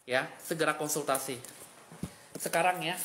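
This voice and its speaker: A man's voice: fairly high pitch, moderate pace, sharp tone, a little hiss or hum. A man giving a live fortune reading as a spiritual fortune-teller, in a dramatic, pitying and emotional way.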